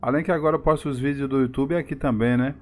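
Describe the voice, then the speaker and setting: Speaking fast with a mid-range, slightly mellow voice and fairly even intonation, a streamer from Salvador in Bahia, Brazil, greets his viewers by name. He chats casually during the live game stream in a Bahian Brazilian Portuguese accent.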